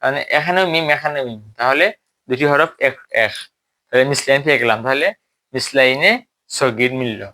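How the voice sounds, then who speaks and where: A man teaching a recitation lesson, explaining rules step by step, checking that students follow, and slowly modeling drawn-out examples. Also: mid-range voice, bright, forceful tone.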